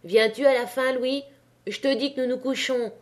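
A woman's voice: a little high, fairly even intonation, normal speed, close to an everyday voice. A woman voicing a coarse miner's wife who swears and scolds, in a storybook reading. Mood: scolding.

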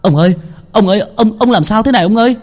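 A man's voice: fairly high pitch, expressive, normal speed, darkish tone, pitched above the performer's own voice. Man doing a stammering frightened young villager. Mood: panicked. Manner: stammering, panicked.

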